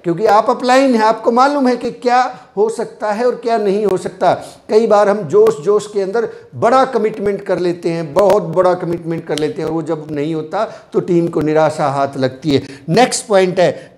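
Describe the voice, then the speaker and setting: A man's voice: high-pitched, darkish tone. A man giving a motivational network marketing training talk, emphatic and repeating his key points as refrains.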